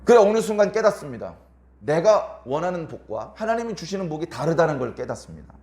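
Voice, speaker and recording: A man's voice: fairly high pitch, very animated, brisk, darkish tone. A male pastor preaching a Sunday sermon in a church, asking the congregation rhetorical questions and acting out quoted lines. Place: church sanctuary. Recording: echoey church room.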